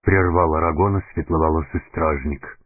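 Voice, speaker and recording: A man narrating an audiobook fairy tale in a measured storytelling manner. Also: a bass voice, fairly even intonation, dry recording. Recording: tinny narrow-band recording, faint music.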